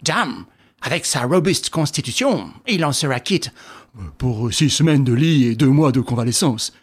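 A man's voice: mid-range voice, animated, normal speed, husky. A man doing a grumbling doctor. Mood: gruff. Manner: grumbling, matter-of-fact. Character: blunt male country doctor.

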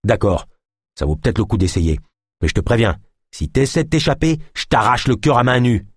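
A man's voice: mid-range voice, big pitch swings, a little fast, breathy edge, dry recording, clean studio sound, pitched above the performer's own voice. A man voicing a coarse, crude jail guard who grumbles in slangy talk. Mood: gruff.

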